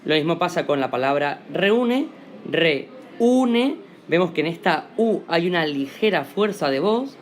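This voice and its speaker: Patient Spanish teacher man, slightly high voice. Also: slight background noise. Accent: Spain Spanish. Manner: patient, deliberate, repeats and stresses example words. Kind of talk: classroom grammar explanation.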